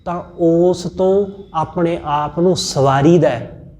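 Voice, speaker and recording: A man with a Punjabi accent giving a scripture sermon, teaching in a measured, repetitive way with everyday examples. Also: fairly high pitch, mellow. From India. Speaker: Sikh scripture preacher. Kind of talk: sermon-style scripture exposition.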